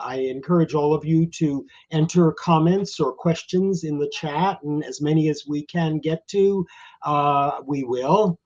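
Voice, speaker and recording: A man's voice: a little high, darkish tone, lo-fi sound. A man hosting a writing class, introducing a guest in a hesitant way with many uh fillers, on a video call. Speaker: host, writing class teacher.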